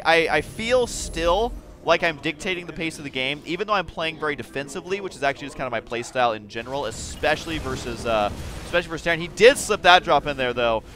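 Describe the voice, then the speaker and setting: A man's voice: fairly high pitch, bright, forceful tone, a little hiss or hum. A man giving casual game commentary, explaining his thinking in a restless way with frequent restarts. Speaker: host.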